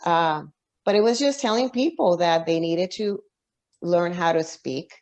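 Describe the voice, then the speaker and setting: A woman's voice: lowish voice, measured pace, darkish tone. A woman author, a guest on an interview show, giving long reflective answers full of restarts and fillers.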